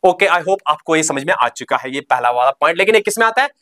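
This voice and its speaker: A man's voice: on the high side, expressive, pushed and bright. Man teaching by quizzing himself aloud. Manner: asks the class short questions and answers them himself; reads key terms slowly, then repeats them. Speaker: exam coaching teacher. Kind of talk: recorded classroom lecture.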